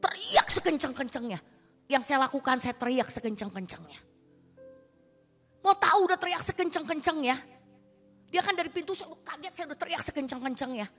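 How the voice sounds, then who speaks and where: A woman pastor delivers a sermon, telling a personal story with dramatic, colloquial flair. Her voice sits fairly high, and it rings out in a reverberant church hall with faint music underneath. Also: animated, fairly quick, pauses often, a bit bright.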